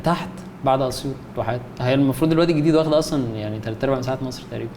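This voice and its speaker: A concept artist in his twenties, a man with an Egyptian Arabic accent, chats casually as a guest. His mid-range voice has a darkish tone and moves very fast, with slight background noise. He sounds hesitant, using many fillers and restarting sentences.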